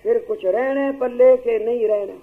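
High-voiced preacher, tinny sound. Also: male voice, moderate pace. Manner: preaching, acts out voices of story characters. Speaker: Sikh preacher. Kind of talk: storytelling religious discourse. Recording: tinny phone-like lo-fi recording.

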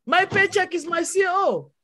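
A woman from Cameroon, a native French speaker with a Cameroonian French accent, delivers a passionate motivational testimony on a webinar video call. Her voice is extremely high, sharp and expressive at a moderate pace, with a repetitive, preacher-like cadence.

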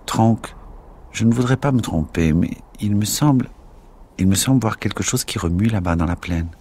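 A man's voice: on the low side, expressive, moderate pace, darkish tone, husky, voice pushed up. A man reading the lines of an anxious, unsure young lieutenant on night watch in an audiobook, with tense, agitated questions.

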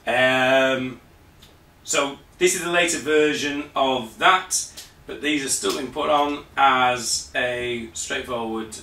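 A man's voice: medium pitch, slow pace, sharp tone, slight background noise. Man explaining, roomy distant sound. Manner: hesitant, many fillers and restarts, explaining patiently. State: slightly losing his voice. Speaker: presenter of a parts store video. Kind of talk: unscripted technical demonstration. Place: shop or workshop room.

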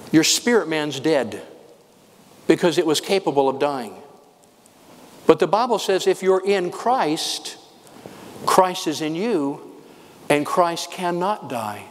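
An older man, a pastor, preaching a sermon with fast, excited emphasis. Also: fairly high pitch, big-room sound, a little hiss or hum.

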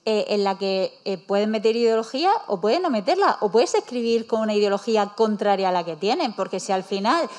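A woman's voice: mid-range voice, animated, brisk, few pauses, darkish tone. A woman comedian on a panel, insistent and explaining her view at length. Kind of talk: panel discussion.

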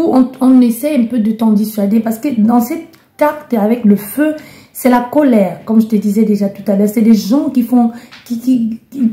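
A woman's voice: a little high, dark tone. Impassioned woman reading tarot cards, echoey room. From Belgium. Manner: impassioned, addresses the listener directly, many restarts. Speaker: tarot card reader. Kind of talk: spoken card-reading guidance.

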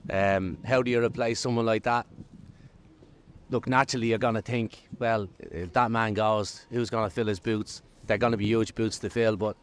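Middle-aged man over clear street noise. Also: on the low side, fairly even intonation, normal speed. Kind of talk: street vox pop interview. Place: outdoors at a shop entrance. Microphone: handheld interviewer's microphone.

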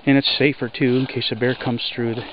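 A man talking plainly to a body-worn action camera while hiking through woods to a creek, breathing hard on the rough ground. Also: medium pitch, little pitch movement. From Alaska. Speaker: homesteader vlogger. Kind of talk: casual walking narration. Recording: dull lo-fi camera audio, loud creek noise. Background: rushing creek water.

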